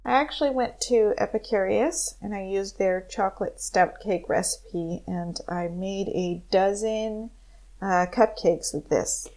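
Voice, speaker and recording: A woman's voice: medium pitch, unhurried, darkish tone. A woman co-hosting a podcast in casual, conversational talk. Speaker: podcast co-host. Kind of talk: casual chat.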